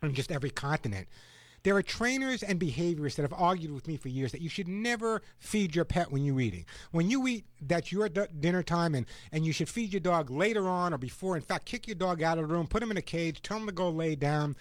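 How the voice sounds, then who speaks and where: A male talk radio host chats casually with his callers and listeners. His voice is high for a man and the sound is very dry. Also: expressive, brisk, dry recording.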